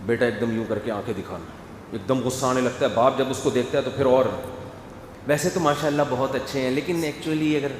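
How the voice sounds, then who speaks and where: Male preacher, animated, echoey hall, faint room ambience. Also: medium pitch, a little hiss or hum. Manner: animated, acts out family scenes. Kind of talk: sermon.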